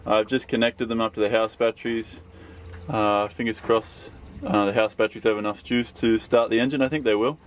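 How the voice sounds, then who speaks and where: A man's voice: on the low side, brisk, a little hiss or hum. A man chatting casually on a sailing vlog, explaining what he is doing as he works. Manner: relaxed, chatty, explains while working. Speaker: sailing vlogger.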